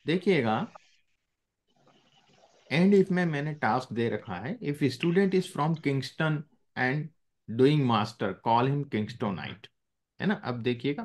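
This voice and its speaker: Guy teaching a class live, super animated voice, keeps asking got it, is it clear. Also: medium pitch. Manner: keeps checking that students follow; mixes English phrases into his explanations.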